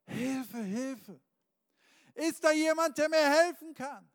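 A man voicing a desperate male rock climber stuck on a cliff, shouting frantically for help. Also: high-pitched, lively intonation, fast talker, voice pushed up. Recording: long hall reverb, faint band music.

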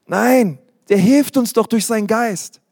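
High-voiced emphatic male preacher. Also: measured pace, slightly rough, no echo, clean studio sound. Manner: emphatic and animated, bursts into loud exclamations. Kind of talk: sermon.

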